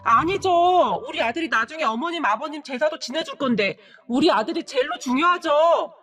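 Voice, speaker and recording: Woman voicing a high-pitched sister-in-law, whiny, loudly defiant. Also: expressive, normal speed, far from the mic, faint music behind. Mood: whining. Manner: wheedling, then loudly defiant.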